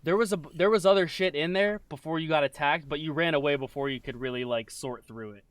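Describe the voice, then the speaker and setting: A man with a fairly high voice runs a tabletop game as game master. He talks loosely and restarts his sentences, and the recording is dry and close. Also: fast, no room sound. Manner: casual, hesitant, restarts often. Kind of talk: running a tabletop game over voice chat.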